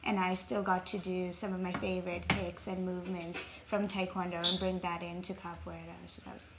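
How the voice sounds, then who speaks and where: A woman's voice: lowish voice, little pitch movement, brisk. A young woman from Nepal, talking reflectively as an interview guest, with frequent ums. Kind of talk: casual interview. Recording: faint background noise.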